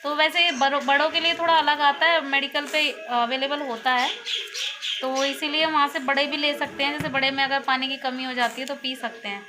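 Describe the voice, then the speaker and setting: A woman's voice: sits high, steady tone, a little fast. A woman vlogging casually from her family home, chatting and explaining things step by step. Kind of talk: casual home vlog talk. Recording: noisy phone recording at home.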